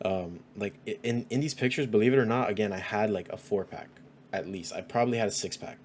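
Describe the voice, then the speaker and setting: A man's voice: on the low side, fast, a little mellow, a little hiss or hum. A man in his twenties talking in a casual, chatty vlog, full of fillers like "like" and "um". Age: 20s. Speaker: vlogger.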